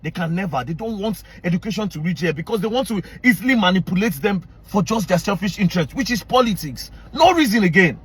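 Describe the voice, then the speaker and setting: A man's voice: high voice, animated, fast, few pauses, breathy edge. A man with a Nigerian accent delivering a heated, confrontational rant to camera, mixing Pidgin into his English. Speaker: online commentator.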